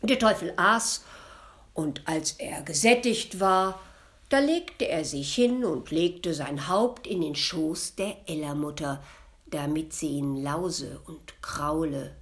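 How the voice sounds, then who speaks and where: A woman storyteller reads a fairy tale aloud at an unhurried pace, her voice on the low side. She drops often into hushed, whispered passages for drama.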